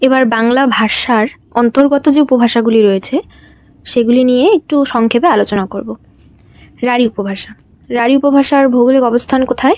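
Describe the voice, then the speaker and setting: A woman's voice: on the high side, dry recording. A young woman student teacher from West Bengal, India, presenting a lesson and asking herself questions she then answers. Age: young adult. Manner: explains in a steady question-and-answer pattern.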